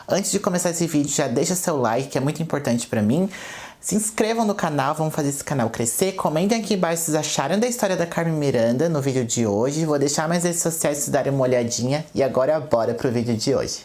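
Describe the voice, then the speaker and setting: A man with a Brazilian accent talks to his viewers as the host of his own channel, telling a biography in an easygoing, conversational way. He moves between reading polished passages and retelling loosely, often pausing on hesitant filler sounds. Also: a little high, expressive, darkish tone. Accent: Brazilian Portuguese. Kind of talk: casual educational storytelling.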